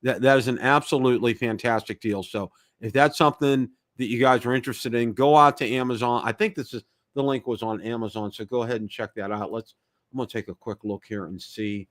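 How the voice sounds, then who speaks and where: A man's voice: medium pitch, fairly even intonation, a little fast, a bit bright. A middle-aged man hosting a casual live stream, talking in a rambling, chatty way with many fillers and restarts, with temporary teeth after oral surgery. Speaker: host of a live drone show.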